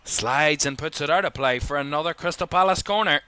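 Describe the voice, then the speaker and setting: A young Northern Irish man calls a football match live, rattling off quick play-by-play and raising his voice whenever an attack develops. His tone is bright and forceful, pitched on the high side, and the smooth recording has no echo.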